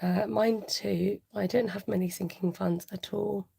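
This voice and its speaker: A woman's voice: mid-range voice, fairly even intonation, unhurried, gravelly, mellow, slightly rough. A woman in her forties chatting casually on a budgeting livestream, giggly and reading out viewer comments.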